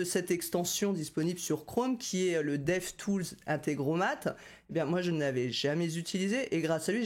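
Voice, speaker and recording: A woman, a company director and no-code trainer, giving a chatty screen-share software tutorial with many fillers, talking straight to viewers. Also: on the low side.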